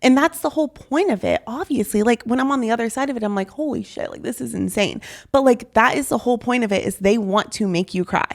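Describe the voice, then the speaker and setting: A woman's voice: fairly high pitch, quick pace, hardly any pauses. A young woman co-hosting a podcast, telling stories in casual chat with lots of filler words. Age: young adult. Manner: animated, filler-heavy storytelling. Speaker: podcast co-host.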